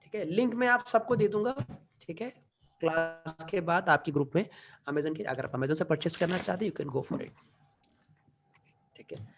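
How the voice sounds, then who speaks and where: A man with a gravelly, slightly high voice teaches a live online class in a relaxed, chatty way. He keeps checking in with his students. He switches between a studio mic and a headset mic, sometimes speaking from across the room. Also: normal speed, pauses often, over music. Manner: explains casually, checks in often with "ठीक है?". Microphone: USB studio mic and headset mic in turn. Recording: voice moves between mics, often from far off.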